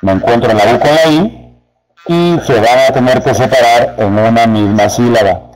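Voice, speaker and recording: A man teaching a spelling lesson to teachers, explaining slowly and speaking to them directly. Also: mid-range voice, darkish tone, faint music behind, rough recording. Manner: slow, deliberate, addresses teachers directly. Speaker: teacher trainer.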